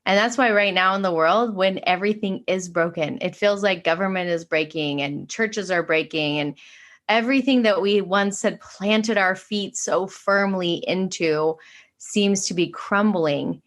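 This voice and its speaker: A woman appearing as a podcast guest and spiritual teacher talks about spiritual awakening in a casual conversation. She speaks earnestly and fluidly, often using "like" as a filler, with a slightly bright, mid-range voice at a measured pace.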